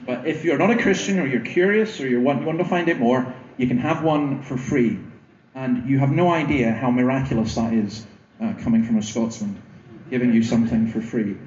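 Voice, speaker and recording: A man's voice: medium pitch, fairly quick, darkish tone, a little hiss or hum. Earnest Scottish man preaching in an echoey room. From Scotland. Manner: earnest, pleading, wry self-mocking humour. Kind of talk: evangelistic talk. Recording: echoey room, slightly dull sound.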